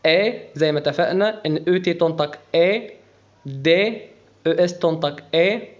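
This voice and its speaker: A man's voice: on the high side, dull audio. A man with an Egyptian Arabic accent teaching a beginner French lesson, breaking words down sound by sound. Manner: slow, spells out pronunciation letter by letter.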